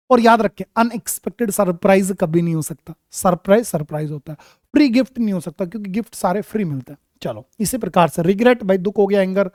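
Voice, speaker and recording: A man teaching an exam vocabulary lesson, calling students "my child" and asking and answering his own questions, with English terms mixed into quick explanations. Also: sits high, no echo, clean studio sound.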